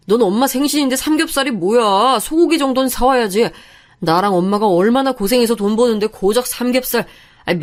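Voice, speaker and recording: A woman voicing an angry young husband who yells and accuses his wife in a narrated story. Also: on the high side, lightly acted. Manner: yelling, accusing.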